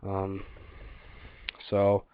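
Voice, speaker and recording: A man's voice: low-pitched, monotone, drawn-out words, clear, resonant tone, no echo. A man giving a casual, unscripted product review in an informal, hesitant manner, recorded on a webcam setup. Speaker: gear reviewer presenting a video. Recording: dull lo-fi webcam audio.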